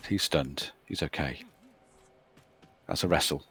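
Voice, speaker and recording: A man's voice: a bass voice, unhurried, fairly bright tone, husky, soft background music. A man casually recapping his tabletop game matches, talking hesitantly with many restarts. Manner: hesitant, restarts sentences, trails off. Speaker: Blood Bowl player recapping his games. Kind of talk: casual chat over game replay.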